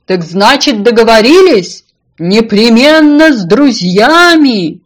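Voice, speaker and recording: A woman voicing a sly, self-important female fish in a storybook, calm and unflappable. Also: a little high, normal speed, lightly acted. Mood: bargaining.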